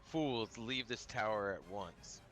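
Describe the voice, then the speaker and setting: A man doing Zephyros, booming and amplified. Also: expressive, takes it slowly, fairly bright tone, soft background music. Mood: commanding. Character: commanding male spellcaster in a booming, magically amplified voice. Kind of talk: game master voicing a character in a tabletop game.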